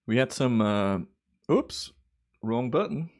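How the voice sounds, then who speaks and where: This timelapse livestream host, a man in his thirties from Belgium, keeps up relaxed, chatty commentary in an expressive, medium-pitched voice. He draws out his enthusiastic exclamations, and his Belgian accent is tinged with American and Australian influence.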